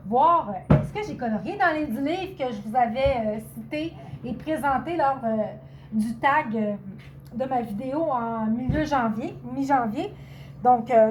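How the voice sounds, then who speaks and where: A woman's voice: high-pitched, darkish tone, slight background noise. A woman, vlogging casually to camera, chatty and hesitant as she hunts for words. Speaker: coloring channel vlogger. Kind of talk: casual vlog talk to camera.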